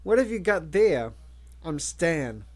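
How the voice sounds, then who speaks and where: Man reading a young shop clerk, easygoing, curious, fairly high, lively voice. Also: slow pace, exaggerated voice. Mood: friendly. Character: young male pet-store clerk, friendly and curious.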